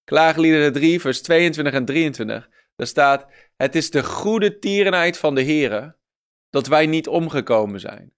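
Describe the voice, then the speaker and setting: A man preaching a sermon, stressing his points by repeating them and slowing down for emphasis. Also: fairly high pitch, animated, clear, resonant tone. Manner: emphatic, repeats key phrases, slows down for stress.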